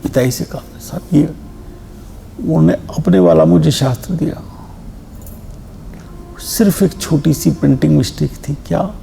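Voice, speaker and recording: A man teaches scripture to listeners in a hall, leaning on examples and stressing single words. His voice is gravelly and dark in tone, sitting a little high, with a faint hum behind him. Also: moderate pace, pauses often. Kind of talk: Jain scripture discourse. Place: discourse hall.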